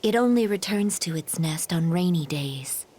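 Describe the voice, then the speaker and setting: A woman voicing a calm townsperson in a video game, plain and informative in manner. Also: mid-range voice, a little slow, natural voice. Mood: matter-of-fact. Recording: faint background noise.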